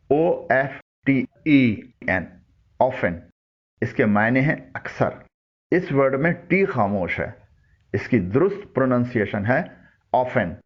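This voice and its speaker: A man narrates a pronunciation lesson in a measured, scripted voice-over. He spells each word slowly letter by letter, then says it clearly. His voice sits at an ordinary middle pitch, and the recording is slightly dull and lo-fi. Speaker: pronunciation teacher.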